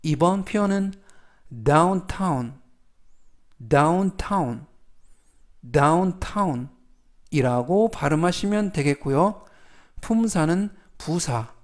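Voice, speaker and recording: A man teaching English vocabulary in a slow, careful lesson narration, repeating each word clearly for learners whose first language is Korean. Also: sits high, a little mellow.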